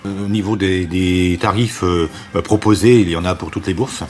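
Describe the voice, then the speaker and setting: Man, interviewer, low-pitched voice, friendly halting questions. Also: fairly even intonation, darkish tone. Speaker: local reporter interviewer.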